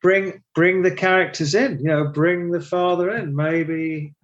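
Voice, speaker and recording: A middle-aged man talking in an interview as a guest, animated and emotional, laughing often and poking fun at himself. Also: high-pitched, a little slow, highs cut off. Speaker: guest, translator and stage performer. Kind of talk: conversational interview.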